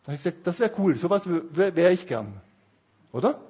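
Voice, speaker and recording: A man preaching a sermon as pastor, passionate, swinging between hushed and emphatic delivery. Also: high voice, animated, brisk, breathy edge, dull audio.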